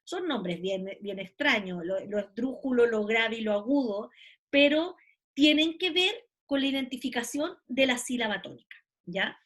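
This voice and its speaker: A middle-aged woman lecturer with a high voice, speaking in a recorded online class. She explains patiently, step by step, and often pauses to check that her listeners follow. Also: lively intonation. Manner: explanatory, with frequent checking tags. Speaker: university lecturer.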